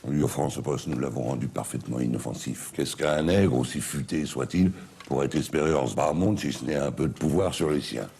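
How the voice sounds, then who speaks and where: Period film plantation master: very deep gravel voice, formal, calmly condescending. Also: male voice, brisk, a little hiss or hum. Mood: cold, assured. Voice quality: gravelly, husky. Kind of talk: period film comedy acting.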